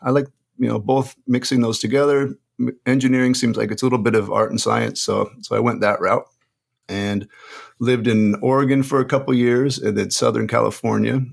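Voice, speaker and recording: A man from Utah, a podcast guest, explaining things in a relaxed way with many filler words. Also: mid-range voice, brisk, creaky. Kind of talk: casual interview chat.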